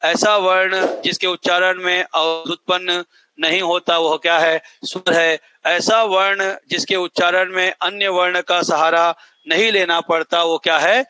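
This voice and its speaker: A man's voice: high voice, little pitch movement, measured pace, sharp tone, clear, resonant tone. A man teaching a class in a lecture style, repeating points and quizzing students who answer back. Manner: repetitive, quizzing, drills answers. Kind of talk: classroom lecture with call-and-response questions.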